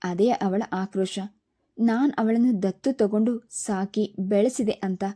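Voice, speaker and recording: Woman narrator, emotional story reading, deep dark mellow tone, steady delivery. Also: unhurried.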